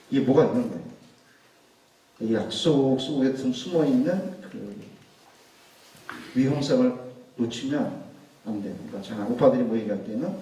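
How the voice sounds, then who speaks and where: Joking preacher in an echoey hall. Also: male voice, medium pitch, warm tone, a little hiss or hum. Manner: chatty, joking, rhetorical questions. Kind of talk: humorous sermon. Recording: echoey hall, mic at a distance.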